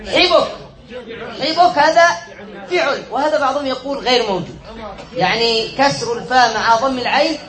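A man's voice: very high voice, normal speed, pauses often, reverberant, crowd noise, poor audio. A man teaching a classroom lesson, quizzing his students, repeating points and correcting himself with a chuckle. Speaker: sheikh teaching Arabic morphology.

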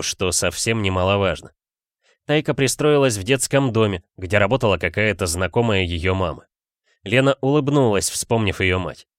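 A man reading a novel as an audiobook narrator, with a steady, even storytelling delivery. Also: on the low side, dry recording, clean studio sound. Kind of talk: scripted narration.

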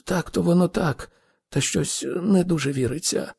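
A man's voice: fairly high pitch, moderate pace, creaky, darkish tone, slightly rough, voice pushed up, heavily acted. A man reading an audiobook, voicing a bewildered, earnest man who talks in puzzled, long-winded sentences. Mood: doubtful. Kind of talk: audiobook character voice.

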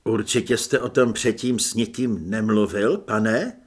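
A man voicing a flustered, formal middle-aged newspaper man in an audiobook, speaking loudly with exasperation. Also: fairly low pitch, slightly rough, voice pushed down. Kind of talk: audiobook character voice.

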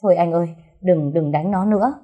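A woman voicing a gentle young heroine who speaks softly and pleadingly. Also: fairly low pitch, a little fast, close to an everyday voice. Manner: soft and pleading.

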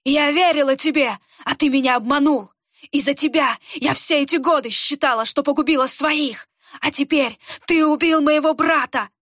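A woman reading an audiobook, voicing a fierce, hot-tempered young woman with a hoarse edge. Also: high-pitched, normal speed, a bit bright, no echo, clean studio sound, voice pushed up. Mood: furious.

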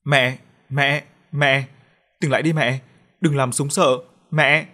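A small, loving little girl speaks, as a male narrator puts her on, in a raised, higher pitch. Her voice is sweet and gentle toward her mother. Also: steady tone, slow pace. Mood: pleading.

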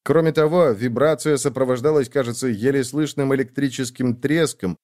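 A man reading a first-person audiobook narration in a measured, reflective way. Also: medium pitch, darkish tone. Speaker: audiobook reader.

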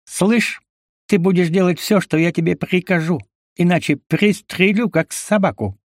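A domineering bald gang boss, high-strung and threatening, snapping commands in a dark action audiobook, as the narrator voices him. His threats come raised and sharp. The sound is dry and close. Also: normal speed, no echo, natural voice.

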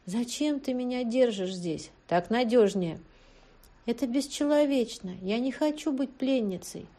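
A woman's voice: a little high, animated, unhurried, warm tone, pitched above the performer's own voice. Captive young woman, weak strained voice, stubborn, audiobook character, played by a woman reader. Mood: defiant.

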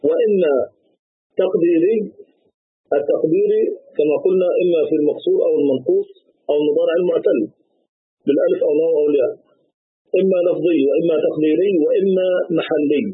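A man teaching an online Arabic grammar lesson, explaining slowly and repeating key terms. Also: fairly high pitch, husky, dry recording. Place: online meeting room. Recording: tinny dry online call audio.

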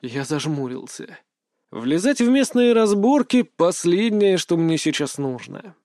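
Male audiobook reader, fairly high voice, dry close sound, brisk gruff edge. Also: big pitch swings, dark tone, no echo. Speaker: audiobook narrator. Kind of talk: first-person fantasy audiobook narration.

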